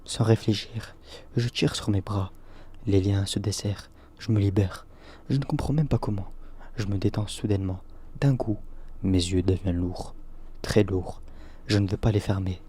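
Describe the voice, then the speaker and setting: A man tells a first-person horror story meant for bedtime, in short, plain, even sentences. His voice is low and dark, with a husky, slightly breathy grain. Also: normal speed, long pauses.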